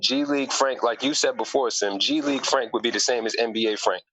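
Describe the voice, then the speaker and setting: A man's voice: medium pitch, a little fast, a bit bright. A man in a casual sports discussion, making his case emphatically and argumentatively with rhetorical questions. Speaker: basketball podcast panelist. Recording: noisy lo-fi audio with clicks.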